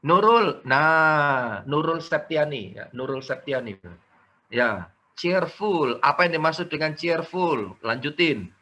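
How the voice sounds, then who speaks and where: Bright-voiced man leading an online sales class. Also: a little high, slow pace. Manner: energetic, coaxing the audience to type in chat; mixes in English words. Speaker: sales trainer. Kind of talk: live online sales training.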